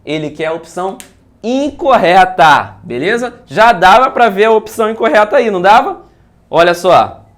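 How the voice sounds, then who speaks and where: A man with a Brazilian accent, a physics teacher working through exam questions in a video lesson, talking in a lively, chatty way and often asking his students if they follow. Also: high voice, moderate pace.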